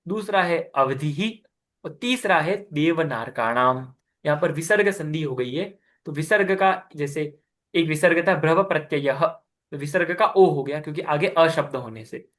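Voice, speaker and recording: A man's voice: on the high side, fairly bright tone. A man teaching a class, patiently explaining step by step, asking his students questions and praising their answers. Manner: explains step by step, repeating key terms. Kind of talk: online class explaining scripture recitation.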